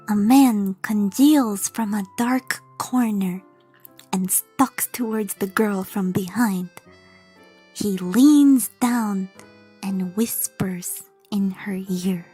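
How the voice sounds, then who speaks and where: A woman's voice: medium pitch, drawn-out words, long pauses, dark tone, husky, faint music behind. A woman VTuber reading comedic fan fiction aloud, stumbling over lines and correcting herself. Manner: stumbling, self-correcting, laughing reader.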